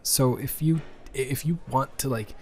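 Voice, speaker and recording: A man's voice: mid-range voice, measured pace, darkish tone, slight background noise, natural voice. A man performing a romantic audio role-play as an anxious, shy new boy at school who stammers and restarts his sentences nervously.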